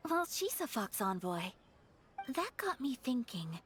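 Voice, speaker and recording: A woman playing a shy, earnest young noblewoman in an anime game, speaking formally and gently. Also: on the high side, big pitch swings, a little slow, a little hiss or hum. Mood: intrigued.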